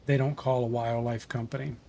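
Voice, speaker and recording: A man's voice: mid-range voice, level tone, a little fast, creaky, warm tone. Folksy man chatting on a livestream. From Ohio, USA. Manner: folksy storyteller, many fillers and restarts. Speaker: wildlife removal worker. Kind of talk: casual livestream chat.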